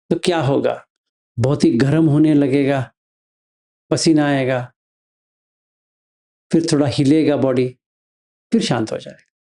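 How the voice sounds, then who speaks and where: A man teaching meditation, explaining the practice slowly, step by step. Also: on the high side, vocal fry, warm tone. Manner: slow, step-by-step instruction.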